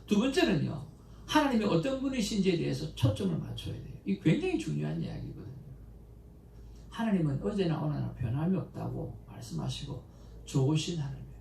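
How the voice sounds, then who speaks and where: A man, a pastor, giving a conversational Sunday sermon in a church, mixing stories with animated pleas to God. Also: fairly high pitch, fairly quick, vocal fry. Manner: conversational, anecdotal preaching with animated emotional quotes. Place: church sanctuary. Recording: echoey church room, mic at a distance, faint background noise.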